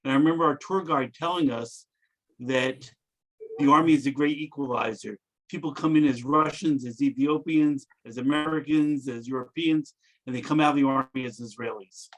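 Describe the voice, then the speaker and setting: A man in the audience sharing a measured, anecdotal comment on a video call. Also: medium pitch, a bit bright, low-quality recording. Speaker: audience member.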